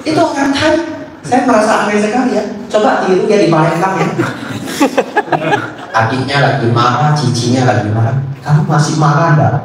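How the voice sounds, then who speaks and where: A man's voice: mid-range voice, a little hiss or hum. A middle-aged man preaching a Buddhist sermon, his voice rising and falling freely as he tells jokes and stories. He poses questions to his listeners. The sound carries heavy echo, as if recorded well away from him in a big hall. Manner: humorous storytelling, lively, rhetorical questions to the audience. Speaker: Buddhist monk giving a Dhamma talk. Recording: echoey hall, mic at a distance.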